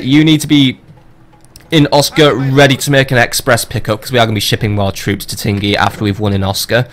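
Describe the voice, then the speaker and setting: Rambling, swearing gameplay commentator. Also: male voice, on the low side, a bit bright. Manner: rambling, swearing, joking asides. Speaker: let's play host.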